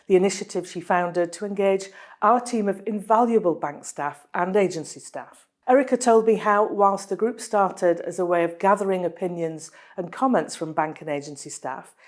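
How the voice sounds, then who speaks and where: Presenter, female, lowish voice, reads a scripted round-up with upbeat clarity. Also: a little mellow. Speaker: hospital trust presenter. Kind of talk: scripted news round-up narration.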